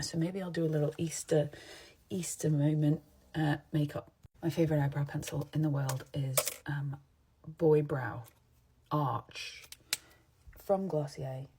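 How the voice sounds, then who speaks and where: A woman from England with a partly Americanized English accent, chatting and rambling into her phone at home while doing her makeup, sometimes dropping into soft asides. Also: low-pitched, flat delivery, moderate pace, husky. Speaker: makeup vlogger. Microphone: phone camera.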